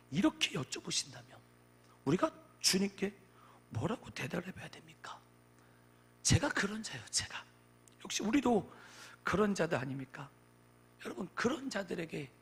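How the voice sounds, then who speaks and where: A man preaching a sermon in a church sanctuary, fervent, swinging between loud exhortation and hushed whispers. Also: on the high side, gravelly, breathy edge. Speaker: pastor. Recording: long church-hall reverb.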